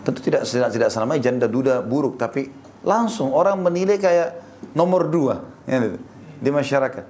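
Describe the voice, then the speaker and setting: A man's voice: mid-range voice, expressive, brisk, darkish tone, a little hiss or hum. A man giving an Islamic lecture on family life, emphatic, repeating key phrases and asking the audience rhetorical questions. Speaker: Islamic preacher.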